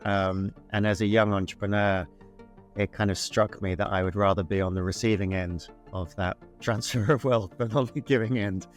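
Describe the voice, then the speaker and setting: A man's voice: on the low side, steady tone, moderate pace, faint music behind. A man in his forties, born in New Zealand and raised in the UK, answering interview questions in a loose, self-deprecating way, full of fillers and restarts. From born in New Zealand, grew up in the UK. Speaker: guest entrepreneur.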